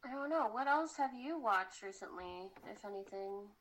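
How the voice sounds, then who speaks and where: A woman's voice: medium pitch, lively intonation, a bit bright, low-quality recording. A young woman co-hosting a podcast, chatting casually and easily, laughing often and chiming in with short replies. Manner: easygoing, laughs often, quick back-channel replies. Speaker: podcast co-host. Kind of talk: casual chat.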